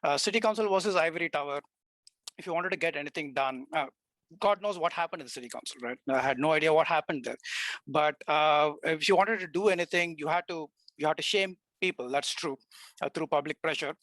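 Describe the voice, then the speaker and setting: A man's voice: on the high side, brisk, fairly bright tone, no echo, poor audio. A man activist answering a question on a livestream in a rambling way, with many uhs and you-knows. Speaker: activist guest.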